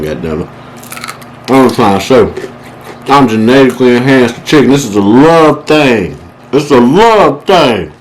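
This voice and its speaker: Man, very lively intonation, casual mukbang chat, eating as he talks, playful, profane slang, exaggerated, slight background noise. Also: medium pitch, rough recording. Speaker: vlogger hosting a mukbang.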